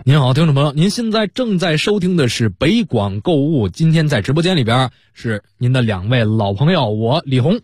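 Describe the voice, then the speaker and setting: A man's voice: medium pitch, animated, normal speed, hardly any pauses, a little mellow, slightly rough, dry recording, faint music behind. A man hosting a live radio shopping show in a conversational presenting style.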